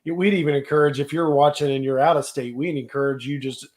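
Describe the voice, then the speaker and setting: An easygoing man co-hosting a live chat, speaking at a middling pitch. He talks plainly and leans on lots of "you know" fillers. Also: fairly even intonation, fast, darkish tone. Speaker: co-host.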